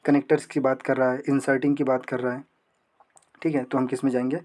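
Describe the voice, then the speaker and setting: A young man leads an exam prep lesson. He poses questions and answers them himself. He slows right down when reading English passages aloud. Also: mid-range voice, level tone, darkish tone. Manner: asks and answers own questions, reads English slowly. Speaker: teacher.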